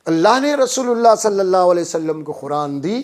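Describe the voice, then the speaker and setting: A man's voice: high voice, animated. A man preaching a Quran lesson, explaining verses and raising his voice for emphasis. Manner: preaching with rising emphasis, chanting Arabic verses.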